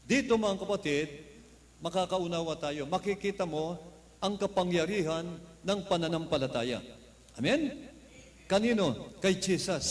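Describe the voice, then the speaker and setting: A fervent male preacher from the Philippines delivers a revival sermon in a high voice, repeatedly calling for an amen. His words echo with long reverb across a large crusade venue.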